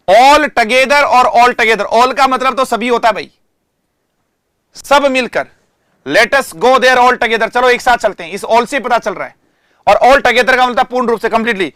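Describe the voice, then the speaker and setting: High-pitched, crisp male teacher. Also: fairly bright tone, no room sound. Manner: explains in Hindi, reads English examples slowly and stressed; addresses students directly, asks and answers himself. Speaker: English vocabulary teacher. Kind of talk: online classroom lecture.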